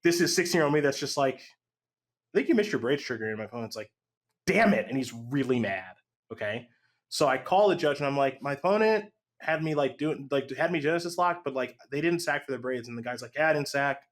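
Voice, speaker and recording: A man casually telling a long gaming story on a podcast, lively and acting out the voices of the people in it. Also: mid-range voice, a little fast. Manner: animated, acts out quotes with voice jumps.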